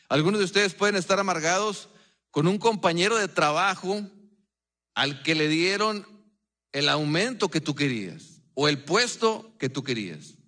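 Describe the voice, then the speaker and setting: A man preaching a sermon as pastor, earnest and conversational, often pausing and dropping into a hush. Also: a little high. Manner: earnest, conversational preaching with frequent pauses and sudden hushed drops.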